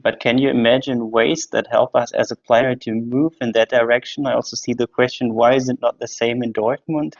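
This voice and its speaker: A man's voice: medium pitch, steady tone, fairly quick, gravelly, hardly any pauses, dry recording, lo-fi sound. A man hosting a lecture discussion, asking questions in a conversational way with brief fillers. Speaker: lecturer and host.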